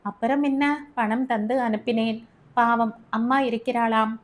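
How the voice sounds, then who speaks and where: In an audiobook story, a woman reads the part of a gentle young wife, her fairly high voice soft, calm and pleading. The character stays patient while her husband scolds her. The pace is a little slow and the acting is light.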